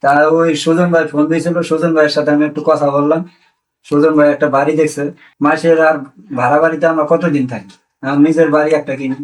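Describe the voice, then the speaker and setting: A man's voice: on the high side, flat delivery, quick pace, natural voice. An actor playing a husband back from years abroad who insistently demands his savings, with a Bangladeshi accent. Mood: serious. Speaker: returned migrant worker. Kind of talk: amateur drama acting. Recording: voice distant from the mic.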